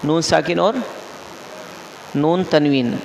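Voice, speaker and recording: A man's voice: a little high, vocal fry, a little hiss or hum. A man, a mufti, teaching the rules of Quran recitation to a class in a mosque, quizzing his listeners and repeating each rule. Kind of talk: classroom lesson. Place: mosque hall. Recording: echoey hall with long reverb.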